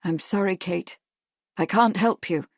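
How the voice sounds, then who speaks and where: A woman narrator voicing a grim, steady Victorian gentleman who speaks calmly and gravely. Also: on the low side, measured pace, no room sound, clean studio sound. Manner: calm, grave.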